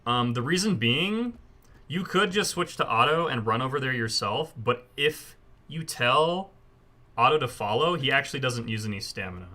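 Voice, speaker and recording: A man's voice: medium pitch, animated, normal speed, bright, forceful tone. A man talking viewers through a game in a casual, informal tutorial style, explaining things step by step. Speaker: speedrunner giving a tutorial. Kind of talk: casual gameplay tutorial commentary.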